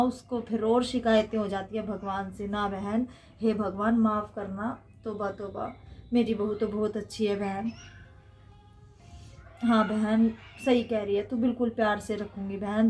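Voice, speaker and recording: A woman's voice: mid-range voice, a little mellow, lightly acted. A middle-aged woman with a Haryanvi accent playing a chatty, gossipy mother-in-law in a comedy skit.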